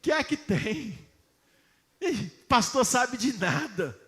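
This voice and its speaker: A pastor preaching a sermon to his congregation, putting questions to them emphatically and reading scripture slowly. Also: extremely high pitch, very animated, sharp tone.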